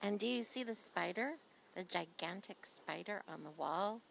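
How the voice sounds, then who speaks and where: A woman's voice: lowish voice, normal speed, gravelly. A woman vlogger narrating casually from her car, chatty and enthusiastic.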